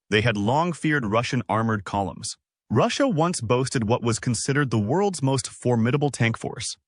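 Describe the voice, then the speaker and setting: A man giving scripted documentary narration in a measured, explanatory way. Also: mid-range voice, fairly bright tone, no room sound, studio quality.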